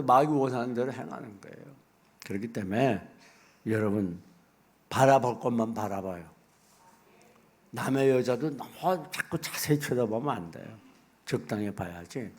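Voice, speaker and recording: A middle-aged man preaching a sermon as pastor, folksy and animated, acting out little asides. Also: medium pitch.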